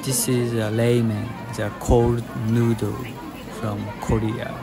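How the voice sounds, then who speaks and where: Young guy explaining food slowly, mid pitch, noisy restaurant crowd. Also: flat delivery, loud music behind the voice. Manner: slow, simple explanations in plain short sentences. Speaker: food vlogger. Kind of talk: narrating a restaurant meal. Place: yakiniku restaurant, indoors.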